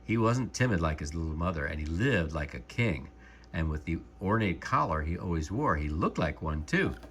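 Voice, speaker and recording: A man calmly and gently reading a storybook aloud as narrator. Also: low voice, slight background noise. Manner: calm, gentle, measured narration.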